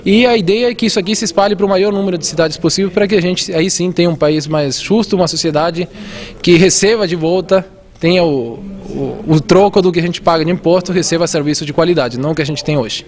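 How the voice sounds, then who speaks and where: A man's voice: high-pitched, fast talker. A man raised in Argentina, explaining civic oversight earnestly as an interview guest. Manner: earnest, explanatory, with many restarts and fillers. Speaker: civic watchdog representative. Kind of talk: interview answers.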